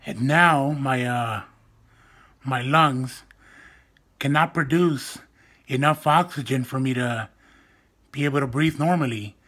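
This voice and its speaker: Filming on a phone or webcam close to his face in a small room at home, a young man chats casually to the camera. His medium-pitched voice is soft, weak and raspy, and his delivery is slow, joking and self-deprecating.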